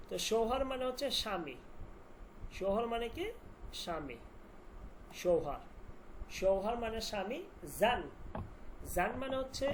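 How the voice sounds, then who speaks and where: Guy teaching a farsi class, says each word over and over then asks what it means, bit of background hiss. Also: sits high. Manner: repeats words and drills meanings with questions. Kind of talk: online language class.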